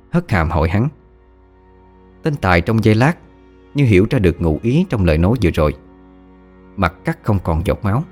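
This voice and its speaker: A man narrates a first-person audio story in a steady storytelling manner. His voice is very low. Quiet music plays beneath the reading.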